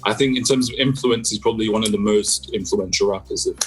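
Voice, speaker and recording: This young adult man from the United Kingdom has a lowish voice and talks quickly, with soft music playing behind him. He's a guest musician on a casual video-call interview, laid-back and using plenty of fillers.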